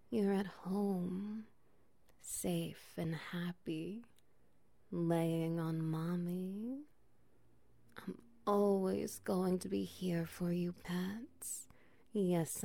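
A woman speaking a soothing ASMR comfort roleplay, soft and gentle, often slipping into a whisper. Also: medium pitch, extremely slow, gravelly, long pauses, no room sound. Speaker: ASMR performer.

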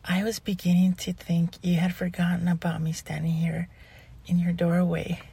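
A woman in an ASMR role-play, playing a flustered, polite college student who delivers food, with a breathy, husky voice and a hesitant, stammering, apologetic manner. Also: on the low side, monotone, normal speed, warm tone, exaggerated voice. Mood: flustered, grateful.

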